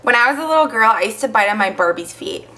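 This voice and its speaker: A young woman chatting to the camera as a vlogger, telling stories with lots of fillers in an animated way. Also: fairly high pitch, fast talker. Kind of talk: casual chat to camera.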